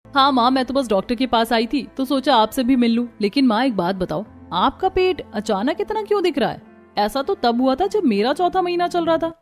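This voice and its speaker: A woman doing a young daughter in a cartoon, high, chatty, curious. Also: expressive, brisk, faint music behind.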